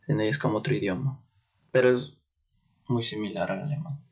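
A young man from Peru speaking Spanish in a casual interview, often pausing to search for words and laughing lightly as he explains his training. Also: on the low side, darkish tone, husky. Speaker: interview guest, trainee in Germany.

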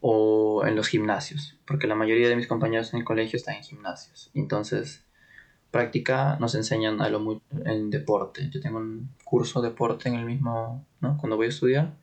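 A man's voice: lowish voice, little pitch movement, normal speed, a little mellow. Hesitant young man from Peru, chatting. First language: Spanish. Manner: hesitant, searches for words, laughs often. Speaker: interview guest, trainee in Germany. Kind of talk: casual interview conversation.

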